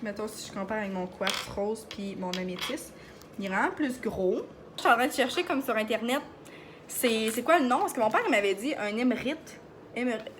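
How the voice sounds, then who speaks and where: A young woman with a Beauce Quebec accent chatting to camera in a fast, excited way, full of fillers. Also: fairly high pitch, noisy background. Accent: Beauce Quebec French. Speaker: vlogger. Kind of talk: casual chat to camera.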